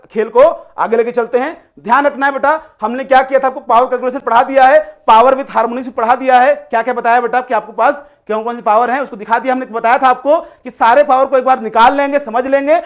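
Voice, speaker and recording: A man teaching a live online class, coaxing and repetitive, freely mixing English phrases into his explanations. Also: extremely high pitch. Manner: coaxing, repetitive, mixes English phrases, calls students "beta". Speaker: online tutor.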